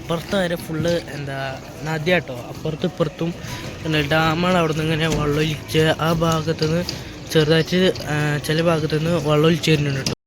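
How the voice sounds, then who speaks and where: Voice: mid-range voice, level tone, fast. A vlogger, casually narrating an outing to viewers and mixing English words into the talk. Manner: mixes English words into Malayalam. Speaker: vlogger hosting a travel vlog. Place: outdoors at tourist spots and park. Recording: noisy outdoor recording with crowd and traffic sounds.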